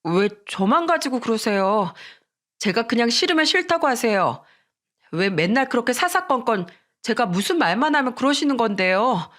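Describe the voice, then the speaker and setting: A woman's voice: on the high side, very animated, normal speed, fairly bright tone. A woman reading the part of a blunt, rude young sister-in-law who talks back in a storybook drama. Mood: defiant.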